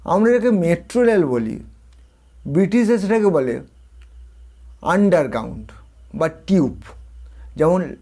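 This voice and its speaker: A male tutor from India gives a spoken lesson in a slightly high voice. He states each term, repeats it, and puts questions to the listener. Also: lively intonation, measured pace, pauses often, dark tone. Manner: explains each term, then repeats it and quizzes the viewer. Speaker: English tutor.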